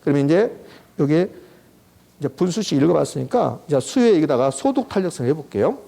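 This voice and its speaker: A man lecturing on an exam subject, walking students through a formula and quizzing them with quick rhetorical questions. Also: fairly high pitch, big pitch swings, vocal fry, dark tone. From South Korea. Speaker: real estate exam lecturer. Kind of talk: classroom lecture at a whiteboard.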